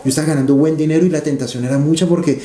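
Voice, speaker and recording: A man's voice: fairly high pitch, fairly even intonation, racing, warm tone, reverberant, slight background noise. A man, an interview guest telling stories animatedly and repeating phrases for emphasis. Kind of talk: conversational interview storytelling.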